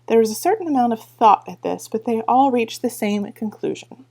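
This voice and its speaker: A woman librarian giving a casual book talk and reading a passage aloud, with fillers and quick self-corrections. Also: on the high side, animated, vocal fry, a little mellow.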